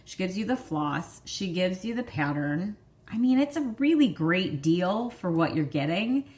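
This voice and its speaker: A woman's voice: fairly low pitch, big pitch swings, measured pace, a little mellow. A young woman co-hosting a stitching show, chatting casually, a little apologetic and laughing often. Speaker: show co-host. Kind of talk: casual chat.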